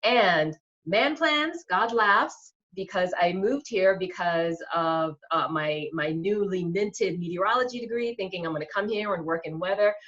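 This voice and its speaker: An enthusiastic woman tells her story as a guest, full of ums and warm excitement. Her voice sits fairly low and comes through a dull, muffled connection. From Queens, New York. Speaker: guest, small business owner. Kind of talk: casual interview.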